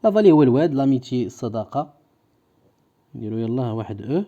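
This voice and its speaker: A man with a Moroccan Arabic accent, teaching a French lesson and explaining it in Darija. He says words slowly, repeats them and translates them. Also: mid-range voice, expressive, dark tone, highs cut off.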